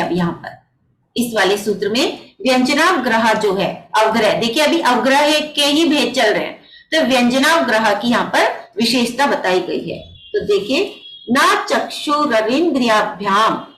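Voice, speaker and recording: A woman's voice: a little high, fairly bright tone, echoey room, low-quality recording. A woman teaching a religious text class over a video call, patiently explaining each point step by step and asking rhetorical questions. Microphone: computer mic on a video call.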